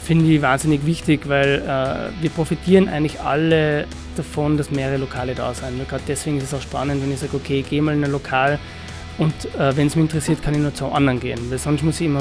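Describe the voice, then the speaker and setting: A man's voice: fairly high pitch, level tone, fast, darkish tone, soft background music. Hesitant man bar owner. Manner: hesitant, many fillers and restarts. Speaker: bar owner, interview guest. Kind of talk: casual interview answers.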